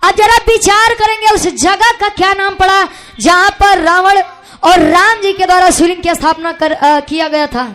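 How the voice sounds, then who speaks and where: A woman with a Bhojpuri accent performing Birha folk song on stage, telling an epic story in speech and then stretching her lines into long drawn-out sung verses. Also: very high voice, steady tone, noisy background. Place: live outdoor stage show.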